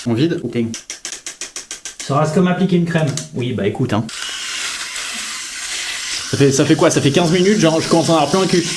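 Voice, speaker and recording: A man's voice: on the high side, normal speed, long pauses, background noise. A man in his twenties chatting casually on a live stream while he shaves, reacting to his chat. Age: 20s. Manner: chatty, reading chat aloud while shaving. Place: bathroom at home.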